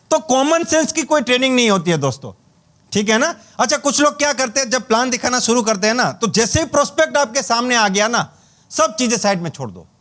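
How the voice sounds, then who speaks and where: A man's voice: high-pitched, a bit bright. A man giving a motivational sales training talk, telling anecdotes and acting out dialogue with jokes. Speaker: network marketing trainer.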